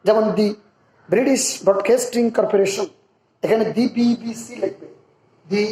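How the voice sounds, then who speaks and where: A very high-pitched man with a warm tone explains English grammar rules step by step in an echoey room. He reads example sentences aloud and repeats key terms as he teaches.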